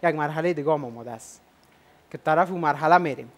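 A man with an Afghan Dari accent hosting a game show, upbeat and chatty, coaxing the contestants with questions. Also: fairly high pitch.

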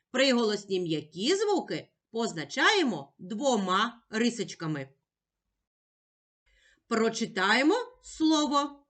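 A woman teacher giving a slow, carefully spoken lesson to a child, gently addressing the child and sounding out words and letters one by one. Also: on the high side.

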